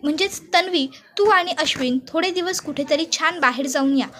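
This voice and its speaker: A woman's voice: sits high, normal speed, fairly bright tone. A woman voicing a stern middle-aged mother-in-law who scolds and gives orders. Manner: scolding, commanding.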